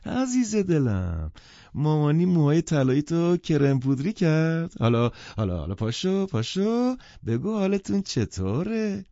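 A man's voice: fairly high pitch, very animated, dark tone, no room sound, highs cut off, voice pushed up. A man doing a cooing, gushing young mother. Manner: cooing, drawn-out. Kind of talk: audiobook character voice.

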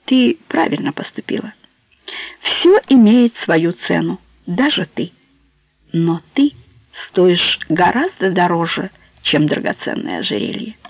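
A woman reading the lines of a calm, tender young man, a lecturer, in a quiet, gentle manner, in a storybook reading. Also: on the low side, measured pace, vocal fry, breathy edge, dry recording, exaggerated voice. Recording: dull, dry close recording.

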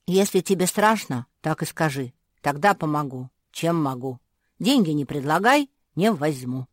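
A woman voicing a blunt, sharp-tongued little pug girl with a curt, matter-of-fact manner. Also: sits low, expressive, measured pace, no room sound, studio quality.

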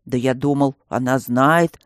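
A reader voicing an old, grumpy stone guardian who mumbles and grumbles loudly. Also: mid-range voice, expressive, measured pace, dry recording, clean studio sound, lightly acted. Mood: fretful. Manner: mumbling, toothless, loud grumbling.

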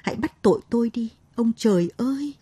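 A woman's voice: mid-range voice, a little slow, warm tone, husky, no echo. A woman voicing a downtrodden young servant mother who pleads and sobs in a storybook reading. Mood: anguished. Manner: pleading, sobbing.

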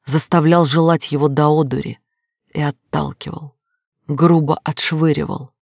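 Gravelly-voiced male audiobook narrator. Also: a little high, fairly even intonation, a little slow, a little mellow, no room sound, studio quality. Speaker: audiobook reader.

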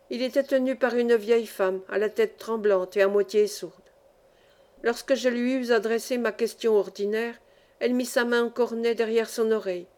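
A woman narrating a classic novel as an audiobook, in an even, clear storytelling manner. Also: fairly high pitch.

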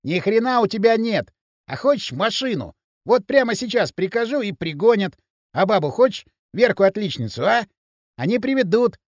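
A man's voice: high-pitched, big pitch swings, moderate pace, no echo, clean studio sound, pitched above the performer's own voice. A man voicing a brash, cocky young man who jeers and bosses his friend in loose street talk. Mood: scheming.

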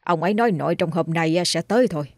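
A woman's voice: on the low side, racing. A woman narrator voicing an older village man who talks in a sure, reassuring way. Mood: assured. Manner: assured, reassuring. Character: old village man, confident and persuasive.

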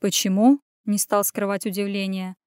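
A woman reads a first-person audiobook in a mid-range voice, taking the part of a male hero. Her delivery is gruff and sardonic. The recording is dry and close, with no room sound. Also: mid-range voice, fairly even intonation, moderate pace, a little mellow, dry recording. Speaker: audiobook narrator. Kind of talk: scripted first-person narration.

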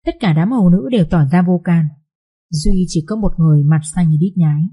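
A woman narrates a family drama with lively, colloquial turns of phrase. Her voice is mellow and dark, with a husky grain. She reads at a steady, everyday pitch. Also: fairly quick. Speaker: storyteller. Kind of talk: storybook narration.

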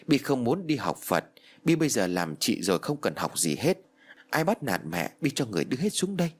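A man's voice: mid-range voice, sing-song, fairly quick, slightly rough. A man voicing the ghost of a small girl who is clingy, stubborn and tearful in a spoken ghost story. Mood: defiant. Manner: childish, pleading and stubborn.

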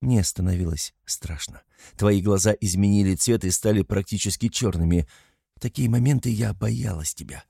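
A man narrating a dramatic story in a steady, measured way. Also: lowish voice, gravelly, husky, dry recording, studio quality. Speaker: audiobook narrator.

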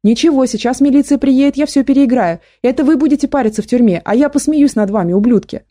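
Spiteful, foul-mouthed female poisoner, read by a woman for an audiobook, dark tone. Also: medium pitch, moderate pace, breathy edge, natural voice. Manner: abusive, spitting insults. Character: scheming adult woman poisoner, spiteful and shrill.

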